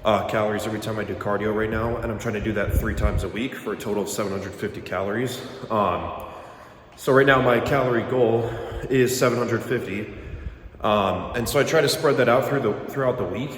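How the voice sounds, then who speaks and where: A man's voice: on the low side, brisk, fairly bright tone, slight background noise. A young man talking casually to camera in a bodybuilding vlog, a little out of breath, rambling with many ums and likes. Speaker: bodybuilding vlogger.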